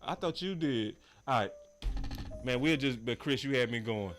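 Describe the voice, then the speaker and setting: A man hosting a sports talk show, casual and emphatic, with slangy, animated delivery. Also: medium pitch, moderate pace, over music.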